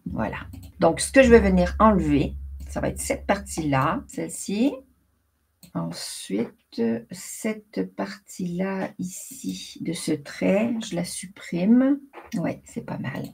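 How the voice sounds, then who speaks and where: A woman talking through a screen-recorded software tutorial, chatty and thinking aloud as she works. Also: lowish voice, animated, slow pace, creaky, slightly rough. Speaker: craft software tutorial host.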